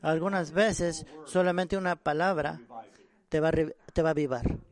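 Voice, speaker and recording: A man preaching a sermon on prayer, earnest and halting, often repeating and restarting words. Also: fairly high pitch, steady tone.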